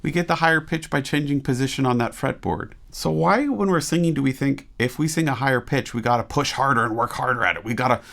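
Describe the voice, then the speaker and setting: A man's voice: mid-range voice, fast talker, vocal fry, hardly any pauses, a bit bright. A man working as a vocal coach, reacting to a performance with casual, enthusiastic teaching commentary and frequent rhetorical questions.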